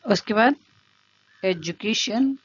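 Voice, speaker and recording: A woman with a husky, medium-pitched voice and lively intonation speaks slowly as she teaches special education in an online exam-prep lecture over slides. She goes step by step, repeating key terms and checking that the listener follows. There's no room sound, and the recording is dull, dry and lo-fi.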